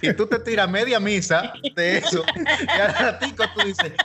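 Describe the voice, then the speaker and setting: A man co-hosting a casual chat, telling lively anecdotes. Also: high voice, moderate pace, a crowd in the background. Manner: chatty storyteller, lively anecdotes. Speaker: co-host.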